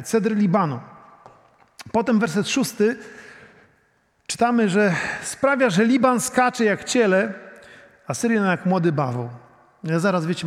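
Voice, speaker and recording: A middle-aged man preaching a sermon, shifting between soft, intimate prayer and loud, emphatic preaching, talking straight to the congregation. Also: high-pitched. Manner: addresses the congregation directly, often saying "you know". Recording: long hall reverb.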